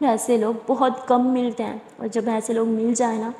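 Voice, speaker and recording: A woman voicing a playful, teasing young biker woman in a storybook romance, with a high voice and an echoey room behind her. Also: level tone, normal speed, close to an everyday voice. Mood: soothing. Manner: playful teasing, then soft and soothing. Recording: echoey room with long reverb.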